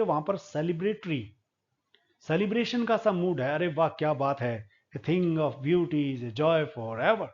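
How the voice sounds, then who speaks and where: Male teacher, middle-aged, high-pitched, patient and repetitive; dull lo-fi recording. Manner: patient, explains step by step, repeats key points. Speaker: English teacher. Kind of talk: classroom lecture on poetry.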